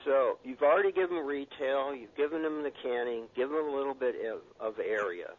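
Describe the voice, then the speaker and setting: A man's voice: medium pitch, brisk. An American man calling a radio show, giving his political opinion in a casual conversational style. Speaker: radio phone-in caller. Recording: noisy, narrow phone line.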